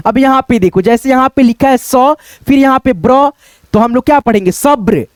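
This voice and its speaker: High-voiced man teaching Hindi spelling. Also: no echo. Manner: sounds out syllables slowly, repeats words, says "thik hai" and "doston" often. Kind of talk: step-by-step spelling lesson.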